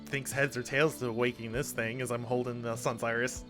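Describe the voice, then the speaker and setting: A tabletop game player talking in a quick, anxious, excitable way. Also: mid-range voice, over music. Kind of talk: casual tabletop chat.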